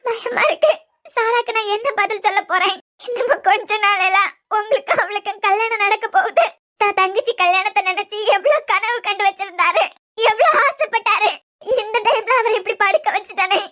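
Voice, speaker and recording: A woman's voice: very high voice, a little fast, bright, forceful tone. A woman voicing a frightened, guilt-ridden young wife in a cartoon serial, speaking with a Kanyakumari Tamil accent. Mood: tearful, frightened.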